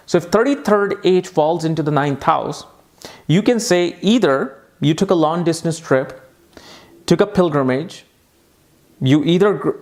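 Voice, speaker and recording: A man explaining a lesson with eager emphasis, his voice sitting a little on the high side. He repeats key points to drive them home. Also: a little mellow. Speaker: astrology teacher.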